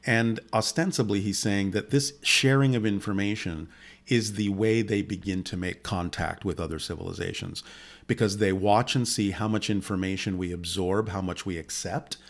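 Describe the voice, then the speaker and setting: Guest, male, sixties, low register, calm measured storyteller, close studio mic. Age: 60s. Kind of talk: long personal account in conversation. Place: indoor studio set. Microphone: boom-mounted studio mic close by.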